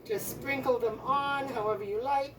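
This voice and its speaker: A woman's voice: high-pitched, steady tone, fairly bright tone, rough recording. A woman hosting a home cooking video, chatting in a homey way and tasting as she goes in her kitchen. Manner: chatty, slow and homey, talking with her mouth full. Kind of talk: casual cooking demonstration. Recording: audible background noise.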